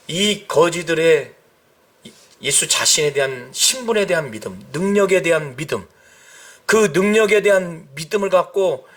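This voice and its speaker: A man, a pastor, preaching an emphatic sermon and acting out the people he quotes. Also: on the high side. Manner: emphatic, rising to shouts at climaxes; acts out quoted cries and speech.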